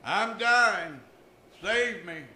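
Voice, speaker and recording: A man's voice: high voice, very slow, pushed and bright, a little hiss or hum. An older man preaching a sermon from a church pulpit, with emphatic rises and drops in his voice. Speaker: pastor. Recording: echoey church room.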